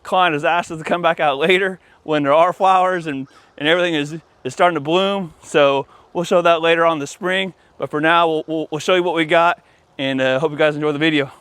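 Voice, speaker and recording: Speaking a little fast, this man has a steady, fairly bright voice that sounds clear and resonant, without echo. He hosts an installer's video channel, giving an informal hands-on walkthrough outdoors in a yard. Outdoor noise and an ambient rumble are audible.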